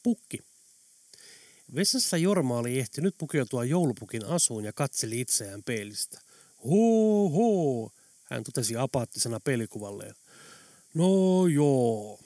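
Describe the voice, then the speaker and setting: A man narrating an audiobook in an even, steady storytelling voice. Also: medium pitch, dry recording. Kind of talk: scripted narration. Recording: dry close studio sound.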